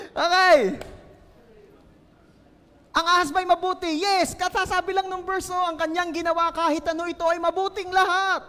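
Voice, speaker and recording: A Filipino man delivers a playful sermon, teasing his congregation and asking them questions. His voice sits unusually high for a man. The church hall around him gives it a long, ringing echo. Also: sharp tone. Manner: joking, asks the congregation questions. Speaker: pastor. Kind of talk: lively humorous sermon.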